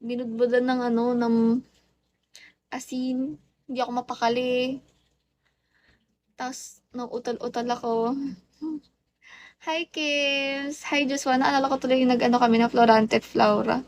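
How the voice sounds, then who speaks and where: Filipino girl doing a phone live stream, high voice, slow easy talk, teasing viewers, a little background noise. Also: level tone. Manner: switches between Tagalog and English, playful and teasing. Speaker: livestreamer. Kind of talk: casual live stream chat greeting viewers.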